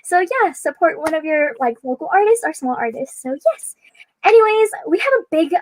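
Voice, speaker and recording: A woman's voice: high voice, expressive, moderate pace, dry recording, low-quality recording. A young woman hosting a casual livestream chat, chatty and laughing often. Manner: giggly, chatty, frequent laughter. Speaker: host.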